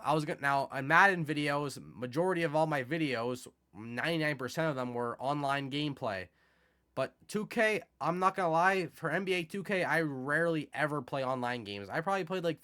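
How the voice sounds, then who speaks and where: Guy with a stuffy nose from a cold, slightly high voice, casual chatty game commentary, repeats stuff for emphasis. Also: a bit bright. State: has a cold. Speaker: video game content creator, host.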